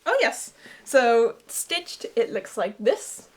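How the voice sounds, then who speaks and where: A woman's voice: a little high, very animated, slow pace, breathy edge. A woman co-hosting a podcast, explaining things in a casual, chatty way. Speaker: podcast co-host and designer.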